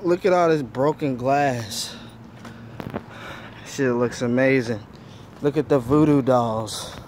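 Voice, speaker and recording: A man's voice: medium pitch, takes it slowly, a little mellow. A man talking in casual, slangy, profane vlogger style while exploring outdoors with a handheld phone. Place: outdoors in paved lot around derelict building. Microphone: handheld phone camera. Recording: noisy outdoor phone recording, street ambience.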